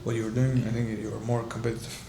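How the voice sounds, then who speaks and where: A man in his twenties from Kazakhstan, a startup founder being interviewed, speaking halting English with many fillers. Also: fairly low pitch, flat delivery. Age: 20s. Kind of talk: casual interview. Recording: roomy echo with clear background noise.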